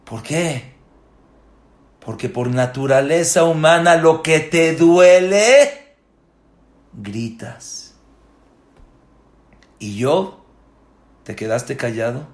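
A man's voice: expressive, slow, long pauses. Impassioned preacher man, echoey room. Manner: swings from low murmurs to impassioned shouts; rhetorical questions, repeats words for emphasis. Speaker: rabbi. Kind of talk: Torah sermon.

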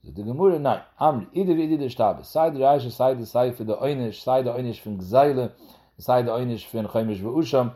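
A man's voice: mid-range voice, normal speed, warm tone. A man giving a Talmud lesson, explaining each step and speaking directly to the listener. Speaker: Talmud teacher.

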